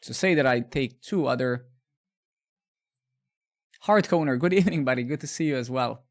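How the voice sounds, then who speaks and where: A gravelly-voiced man from Bosnia chats casually on a live coding stream at medium pitch and moderate pace. He restarts phrases and answers viewers' questions.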